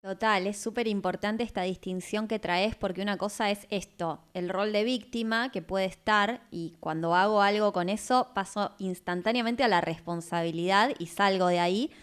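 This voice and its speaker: A woman's voice: mid-range voice, normal speed, few pauses, clear, resonant tone. A woman radio host who talks in a thoughtful, explanatory way and often ends her points with a questioning tag. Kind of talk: reflective conversation.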